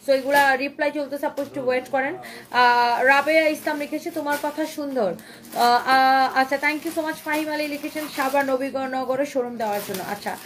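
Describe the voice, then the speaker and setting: Her voice is high with a fairly bright tone as this online clothing seller, who has a Bangladeshi Bengali accent, pitches clothes on a live stream from a clothing shop. She repeats herself in a coaxing way, sprinkling in English phrases, over slight background noise.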